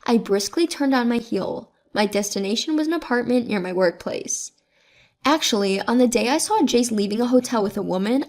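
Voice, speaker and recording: A woman reading a first-person story aloud in a steady, even narration. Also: on the high side.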